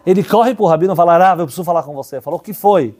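Husky, dark-voiced man giving a sermon. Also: a little high, very fast. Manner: animated storyteller, voices characters in dialogue. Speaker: religious teacher. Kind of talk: storytelling sermon.

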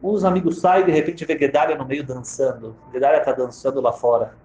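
A man's voice: mid-range voice, fairly even intonation, fast talker, darkish tone. A man telling a story in a dramatic sermon, emphatic and repeating key phrases for weight. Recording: roomy, slightly dull sound.

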